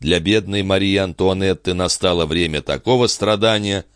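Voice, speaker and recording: A man narrating a historical novel in an expressive, dramatic audiobook reading. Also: low-pitched, moderate pace, smooth, no echo, studio quality. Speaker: audiobook reader.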